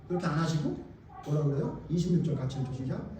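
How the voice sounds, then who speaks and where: A man's voice: on the high side, lively intonation, fast, warm tone, a little hiss or hum. A male pastor preaching a sermon in a church, emphatic and colloquial, often firing questions at the congregation. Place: church sanctuary. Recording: very echoey hall, mic far off.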